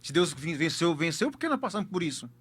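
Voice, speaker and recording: Brazilian pastor guy telling his story, talks fast and punchy, repeats words. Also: a little high, very animated, breathy edge. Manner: emphatic, repeats key words for effect. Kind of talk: personal testimony storytelling.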